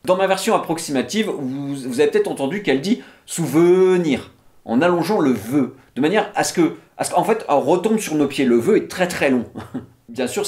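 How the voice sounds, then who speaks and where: A man with a French accent giving a casual, chatty talk about poetry, full of little fillers. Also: fairly high pitch. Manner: chatty, lively, many "bah" and "hein" fillers. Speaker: literature video host.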